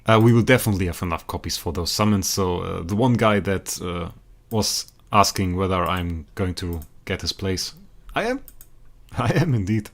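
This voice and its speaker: Sitting low in pitch and speaking at a normal speed, this young German gamer talks loosely with his stream audience while he plays. He tends to ramble and say things twice, laughing a lot and suddenly bursting out with excitement.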